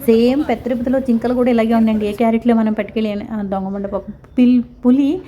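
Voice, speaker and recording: A woman's voice: a little high, steady tone, fast, mellow, slight background noise. A middle-aged woman from India narrating a casual vlog of a zoo visit, talking in a sympathetic, rambling way with many restarts. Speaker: vlogger. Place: outdoor zoo park.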